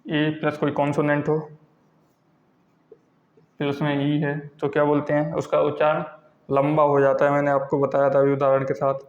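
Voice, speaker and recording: A man's voice: fairly high pitch, monotone. Male teacher in echoey room. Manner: repeats examples slowly, asks and answers his own questions. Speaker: English grammar teacher. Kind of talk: classroom lesson explaining pronunciation rules. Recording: echoey lo-fi classroom recording.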